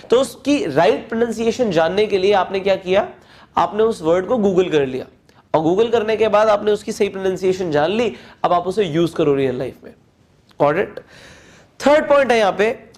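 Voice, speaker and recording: A man's voice: high-pitched, darkish tone. Hindi-accented man teaching spoken English. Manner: explains slowly, reading English phrases aloud.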